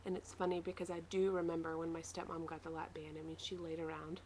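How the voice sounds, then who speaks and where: Lower-voiced woman in a noisy, rambling video diary. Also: level tone, quick pace, a little mellow. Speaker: vlogger sharing a weight-loss surgery recovery diary. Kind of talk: casual personal video diary. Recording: noisy home video recording.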